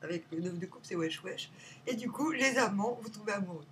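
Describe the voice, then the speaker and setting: Woman, playful tarot-reading vlogger at home; rambles, swings loud to muttered; mic a bit distant, faint room hum. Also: mid-range voice, expressive, fairly quick. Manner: rambling and playful, jumping between loud remarks and muttered asides. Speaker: tarot reader. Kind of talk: casual tarot reading vlog.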